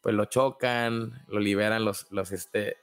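A man's voice: on the low side, steady tone, clean tone. Hesitant man hosting a podcast. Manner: hesitant, halting with many restarts. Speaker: podcast host. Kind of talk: casual podcast discussion.

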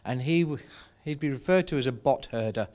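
A man's voice: mid-range voice, a little fast, a little mellow. A man, a cybersecurity expert explaining attacks on a panel with dry humor. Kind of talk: panel discussion.

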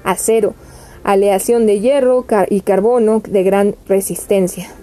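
A woman reading dictionary entries aloud in a steady list-like cadence, often stumbling and restarting words. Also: medium pitch, measured pace.

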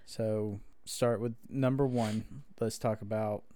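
A man's voice: fairly low pitch, steady tone, slow pace, dark tone, dry recording. A man chatting casually as co-host of a podcast. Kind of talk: casual chat.

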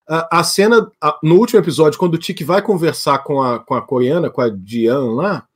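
A man's voice: on the high side, brisk, slightly rough. A Brazilian man with a tongue-tied, slightly slushy lisp and trouble rolling his R, chatting casually and teasingly in a group discussion.

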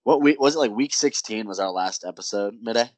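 Deep-voiced young man co-hosting a podcast. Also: a little fast, dry recording. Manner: relaxed, rambling with many likes and ums. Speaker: podcast co-host. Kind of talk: casual chat.

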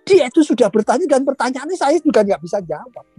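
An older man in his sixties, hosts a relaxed chat and tells stories with animated acted-out quotes and frequent laughter. His voice is warm and mellow, recorded dry and close with faint music beneath. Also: extremely high pitch, fast talker, husky, dry recording. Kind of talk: casual storytelling chat.

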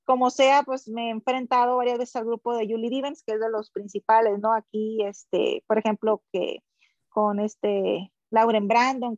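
Mexican woman athlete guest, a bit high-pitched, filler-heavy chat, lo-fi dry remote line. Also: darkish tone, no room sound. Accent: Mexican Spanish. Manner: rambling, many fillers like "este" and "o sea". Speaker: guest, professional triathlete. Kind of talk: casual conversational interview.

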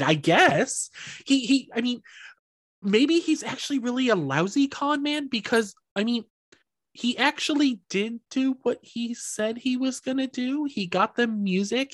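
A man's voice: very high-pitched, fairly bright tone, no room sound. A man co-hosting a podcast, recapping a musical's plot and chatting in a wry, hedging way. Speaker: podcast co-host. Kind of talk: casual chat and plot recap.

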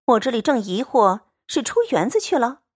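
A woman voicing a gentle young maid, mild and explaining. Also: on the high side, big pitch swings, moderate pace, breathy edge, no room sound, studio quality.

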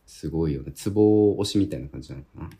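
A man from Tohoku in Japan with a slightly husky voice, chatting casually as a podcast co-host. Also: low-pitched, quick pace, dark tone. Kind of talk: casual chat.

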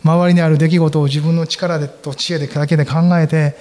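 A man preaching a sermon, swinging between loud emphatic lines and soft near-whispers. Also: a little high, flat delivery, a little fast. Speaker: pastor. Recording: long reverb of a large hall.

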